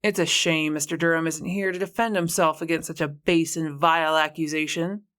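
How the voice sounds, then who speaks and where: A woman's voice: low voice, fairly even intonation, fairly quick, a bit bright. A woman voicing a smarmy male trial lawyer in an audiobook, pompous and incredulous. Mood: scornful disbelief. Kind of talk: audiobook character voice.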